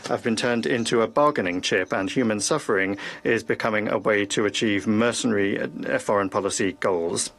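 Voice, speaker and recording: A man speaking as an interpreter, giving a translation voice-over of a formal speech in a measured way with occasional hesitations. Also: lowish voice, a bit bright.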